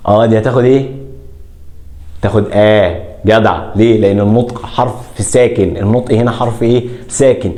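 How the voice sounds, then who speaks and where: Egyptian man, english teacher, mellow tone, asks and answers himself, drawn-out words. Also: on the low side, fairly even intonation. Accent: Egyptian Arabic. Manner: asks and answers his own questions, stretches words out slowly. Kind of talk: classroom grammar lesson.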